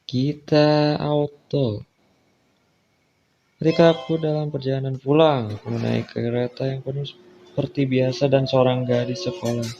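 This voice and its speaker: An Indonesian-accented gaming creator reads visual novel text aloud in a casual let's play, adding off-the-cuff colloquial asides. He speaks unhurriedly with long pauses, in a mid-range, level, mellow voice. The lo-fi audio is dull, with a little hiss or hum and faint game music.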